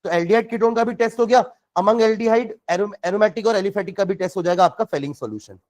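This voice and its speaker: A man teaching chemistry, dictating notes slowly word by word and asking students rhetorical questions, mixing Hindi and English. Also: high-pitched, a little mellow. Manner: mixes Hindi and English freely. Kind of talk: classroom lecture with dictation.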